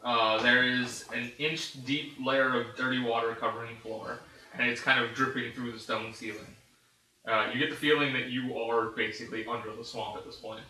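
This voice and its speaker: A man's voice: medium pitch, steady tone, normal speed, pushed and bright. A man narrating as game master of a tabletop game, describing scenes with frequent chuckles and asides. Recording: roomy, distant mic with faint hiss.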